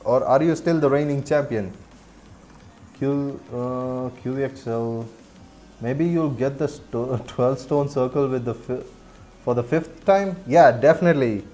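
A man's voice: medium pitch, unhurried, warm tone. A man with an Indian accent keeps up casual commentary while he plays, talking to his viewers. He laughs easily and often. Faint game music plays behind his voice. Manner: chatty, laughs often, answers chat. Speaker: streamer.

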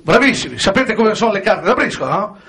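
A man doing stand-up on stage, his voice sitting very high and swinging widely in pitch. The tone is bright and sharp as he throws punchy jokes at the audience. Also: sing-song, fast. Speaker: stand-up comedian. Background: audience laughter.

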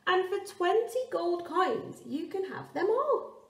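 A woman's voice: extremely high pitch, big pitch swings, slow pace, echoey room, voice pushed up, exaggerated voice. A woman teacher voicing a smiling, persuasive sweet shopkeeper. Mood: coaxing.

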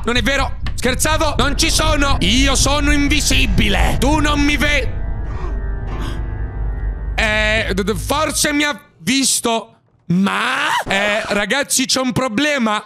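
A young man playing a horror game and commenting excitably, panicking, shouting and joking as he goes. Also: very high voice. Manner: excitable, screams and jokes while playing. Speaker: gaming youtuber. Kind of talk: let's play commentary. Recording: faint game music behind.

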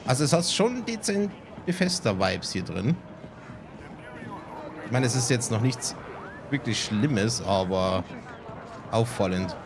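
Talking to himself as he plays, a man comments casually in a mid-range, creaky voice that is very animated yet a little slow, pausing often. Game music and background noise sit behind him as he muses and mocks himself.

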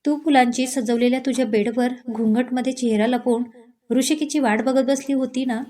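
Woman reading as a bold chatty young girlfriend, teasing and fiery, storybook, kinda high voice. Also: fairly even intonation, moderate pace, dark tone, close to an everyday voice. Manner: playful then indignant.

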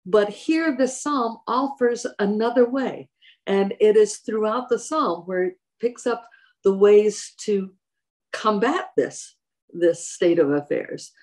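A woman's voice: mid-range voice, a little mellow. Older woman giving a home devotional. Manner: measured reading, then conversational with hesitations. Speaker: church devotional speaker. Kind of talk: scripture reading and devotional reflection. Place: home room indoors. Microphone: webcam at desk distance.

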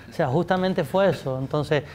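Speaking a little slowly at a fairly high pitch with a darkish tone, this native English-speaking man in his forties is a guest literature scholar. He answers interview questions about literature on a studio set with a pink backdrop, picked up by a table mic, restarting often, gesturing heavily, and turning to the audience.

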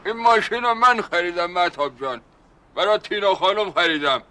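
A man's voice: high voice, pushed and bright, poor audio. An actor playing a lovestruck, boastful male caretaker who talks of love in flowery words in a sitcom. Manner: doting, flowery talk of love, calls others "baba jan". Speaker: caretaker in love with a young woman. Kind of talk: sitcom acting.

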